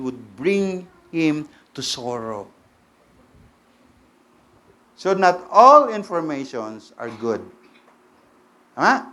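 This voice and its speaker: A middle-aged Filipino man preaching to his congregation in a slightly higher voice. He talks in an animated way, swings between hushed and loud, and keeps asking the room questions. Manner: animated, switches between Tagalog and English, asks the congregation questions. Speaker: pastor. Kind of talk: sermon.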